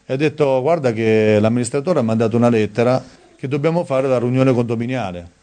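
A man preaching a sermon in a conversational way, reading scripture aloud and stressing key words with sudden high emphasis. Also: brisk, mellow.

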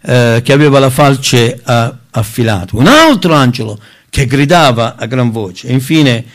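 A man's voice: mid-range voice, a little slow. Emphatic Italian-speaking preacher man. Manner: emphatic, rising on key words, lively intonation; addresses listeners as brothers, reads scripture aloud. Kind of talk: Bible teaching sermon.

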